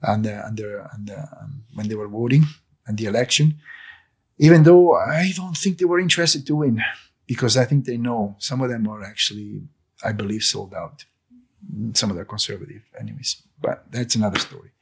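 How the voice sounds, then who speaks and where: A man who owns a cafe gives an emotional personal testimony in an interview. He has a husky voice, restarts and repeats words, and turns loud and indignant as he goes on. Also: lowish voice, a little fast. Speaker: cafe owner, interview guest.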